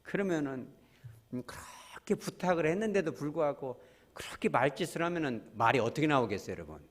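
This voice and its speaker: Pastor guy preaching, super animated, voice jumps all over, kinda high. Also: brisk. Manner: animated, acts out quotes, addresses congregation often. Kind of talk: sermon.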